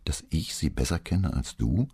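Man playing a weary, gentle police commissioner. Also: very deep voice, very animated, normal speed, gravelly, husky, exaggerated voice. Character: weary middle-aged male police commissioner.

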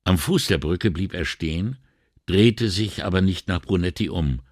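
A man narrating an audiobook, in an even, expressive storytelling way. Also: low-pitched, moderate pace, no room sound, studio quality. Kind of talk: scripted narration.

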